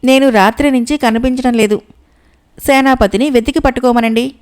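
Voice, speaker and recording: A woman's voice: high-pitched, fairly even intonation, moderate pace, a little mellow, smooth, close to an everyday voice. A woman voicing a foolish, whimsical, short-tempered male king who gives bossy commands in a storybook.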